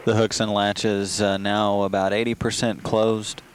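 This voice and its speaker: A man giving live spaceflight commentary from a flight control room in a halting, matter-of-fact way. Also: lowish voice, level tone. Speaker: mission commentator. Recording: noisy control room feed.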